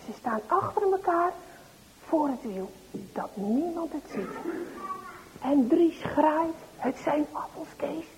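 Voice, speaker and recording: Expressive woman reading a children's story. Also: high-pitched, slow pace, a little hiss or hum. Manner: expressive, swinging from hushed to excited. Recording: dull lo-fi recording.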